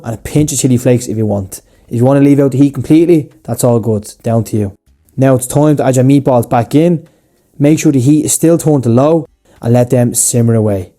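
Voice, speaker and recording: Young Irish male cooking host, dark mellow voice, casual and blunt. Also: mid-range voice. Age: young adult. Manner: casual, chatty and blunt with local slang. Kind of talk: scripted cooking voice-over.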